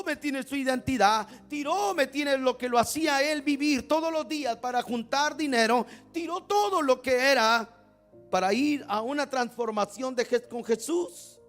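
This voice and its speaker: A male pastor delivering a sermon in a very high voice, with soft music under his words. He tells stories quietly, then builds to emphatic rising bursts. He acts out prayers and keeps asking the congregation rhetorical questions.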